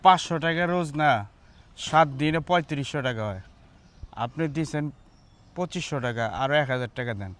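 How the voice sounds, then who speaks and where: A man's voice: fairly high pitch, brisk, long pauses, a bit bright, clear, resonant tone, lightly acted. A man playing an aggrieved poor laborer. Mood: pleading. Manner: pleading, then defiant and threatening. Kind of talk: short-film drama acting.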